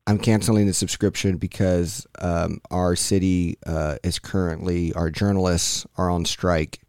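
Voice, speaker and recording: A man calling customer service, speaking firmly and tersely with deliberate wording. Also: sits low, level tone, darkish tone, smooth, no room sound, studio quality. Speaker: customer caller. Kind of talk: phone call to customer service.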